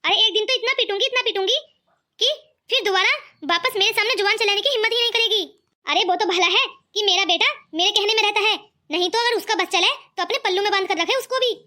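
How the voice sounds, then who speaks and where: A woman's voice: extremely high pitch, fast talker, sharp tone. A woman voicing a scheming, greedy middle-aged mother-in-law who scolds and taunts. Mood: scolding.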